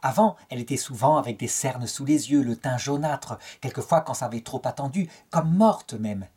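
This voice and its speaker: At normal speed, a middle-aged French man with a mellow, husky mid-range voice gives a lecture on a saint's life. His delivery is storytelling, with his tone rising to quote the people involved.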